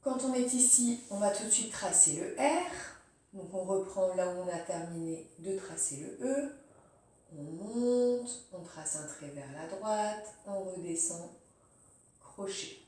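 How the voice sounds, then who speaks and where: A woman teacher explains handwriting slowly and evenly, naming each pen stroke as she makes it. Her voice is mellow and low in brightness. She sits back from the microphone in a very echoey room. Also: recorded from a distance. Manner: calm, step-by-step, narrating each pen stroke. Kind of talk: slow handwriting demonstration. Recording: very roomy, voice off-mic.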